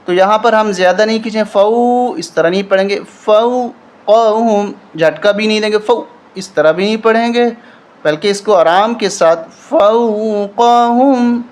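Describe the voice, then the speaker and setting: A man teaching a recitation lesson, patiently spelling out letters and rules one at a time. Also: high voice. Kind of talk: step-by-step tajweed lesson.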